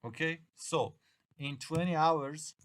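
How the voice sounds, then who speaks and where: With some faint background noise, a middle-aged native Persian speaker from Iran addresses students at an English exam workshop in a Persian accent. He halts, restarts and repeats phrases, his grammar uneven, and his voice runs on the high side with a fairly bright tone.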